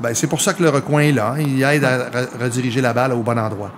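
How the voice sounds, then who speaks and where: A man's voice: mid-range voice, fairly even intonation, fast, noisy background. A man with a Quebec French accent giving live golf commentary on a mini-golf match, explaining the play to viewers.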